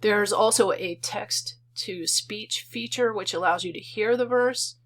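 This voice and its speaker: A woman narrates a screen-recorded tutorial for a program she built. Her voice sits in an ordinary middle pitch. She talks calmly and methodically, explaining each step in turn. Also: measured pace. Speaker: software creator demonstrating her program.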